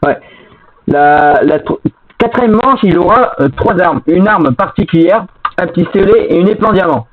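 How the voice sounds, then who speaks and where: A man's voice: high-pitched, animated, moderate pace. A man in casual gaming chat, explaining rules in a rambling, self-correcting way, his voice half robotic and lagging through a bad microphone. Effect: half-robotic, glitchy lagging voice from a bad mic. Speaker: co-player explaining game rules. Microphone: cheap headset or desk mic. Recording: tinny, lo-fi cheap microphone.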